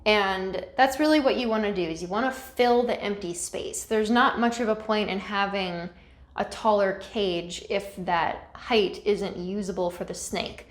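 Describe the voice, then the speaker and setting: A woman's voice: medium pitch, a little slow. Woman vlogging in a very echoey room. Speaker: host of a snake-keeping video channel. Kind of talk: casual explainer vlog. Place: small, mostly empty indoor room.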